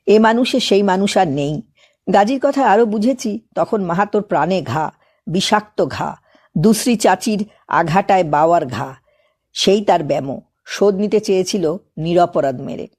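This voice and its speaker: A woman reads a literary novel aloud, taking her time over each sentence. Her narration is measured and thoughtful. Her voice sits at a middle pitch. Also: expressive, a little mellow, slightly rough. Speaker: audiobook reader.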